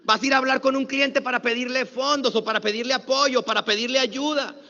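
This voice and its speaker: A middle-aged Mexican motivational speaker energetically leads a conference crowd in call-and-response chants, his Mexican Spanish accent clear. His voice is extremely high, a little fast and gravelly, recorded in dull, lo-fi audio with long reverb from a large conference hall.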